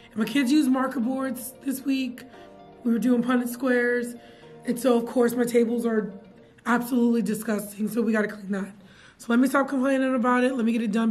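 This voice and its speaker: A young woman, a teacher chatting casually to camera in her classroom, animated and full of fillers. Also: on the high side. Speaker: middle school science teacher. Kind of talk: casual vlog chat. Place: classroom, indoors.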